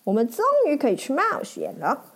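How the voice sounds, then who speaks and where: A woman voicing a small, excitable ferret sidekick who squeals in a hurry. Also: a little high, husky, full character voice. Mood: excited. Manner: squealing, hurried.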